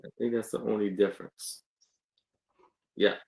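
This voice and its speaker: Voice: medium pitch, fairly even intonation, normal speed, gravelly, darkish tone. A speaker describing items on a casual live sale, stumbling and hesitating over words.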